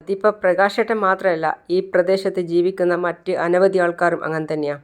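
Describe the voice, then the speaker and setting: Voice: medium pitch, steady tone, moderate pace, smooth, close to an everyday voice. A narrator voicing a defiant young pregnant wife who stands up to her husband, in a retold TV serial.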